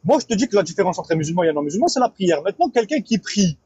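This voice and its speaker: Insistent high-voiced man debating fast. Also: very animated, warm tone, slightly rough, dry recording, muffled recording. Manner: insistent, interrupts, repeats himself. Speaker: debate participant. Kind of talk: heated live-stream debate.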